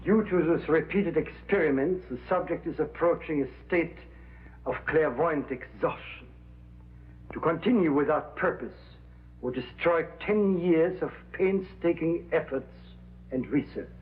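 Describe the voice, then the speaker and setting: An actor playing a con man who poses as a temperamental hypnotist professor, with grandiose, deliberate delivery in a vintage crime drama. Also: a little high, slightly rough. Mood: solemn, pompous. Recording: tinny band-limited old TV soundtrack, humming noise.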